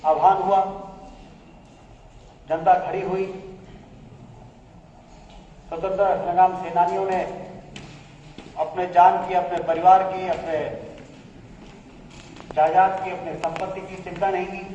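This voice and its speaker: A man giving a patriotic public speech, listing points in a steady cadence. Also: high-pitched, unhurried, pauses often, slight background noise. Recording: distant, dull, echoey hall.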